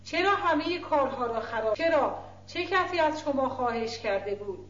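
A distraught, defiant young woman who speaks in broken outcries, voiced by a woman reading aloud. Her voice sits high. The recording is echoey and a little dull. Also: lively intonation, a bit bright, slight background noise. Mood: desperate. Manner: broken, crying out.

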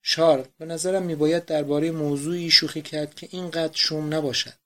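Man reading as a somber young student, grave, matter-of-fact, fairly high voice, audiobook. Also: flat delivery, sharp tone.

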